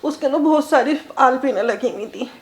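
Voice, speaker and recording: A woman's voice: high-pitched, moderate pace. A woman, telling her own story in an interview in earnest detail. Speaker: interviewee, homeowner. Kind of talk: personal account in an interview.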